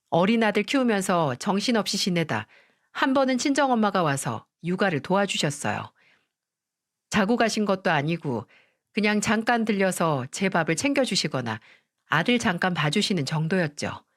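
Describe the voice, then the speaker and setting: A woman narrates a first-person story for a storytelling radio channel. Her pitch rises and falls in a lively way while her tone stays confiding. The pace is even and expressive.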